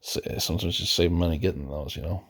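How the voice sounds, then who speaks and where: A man's voice: deep voice, fairly even intonation, brisk. A man giving casual, rambling commentary while browsing a video game roster, hesitant and often correcting himself, losing his voice. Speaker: gaming video host.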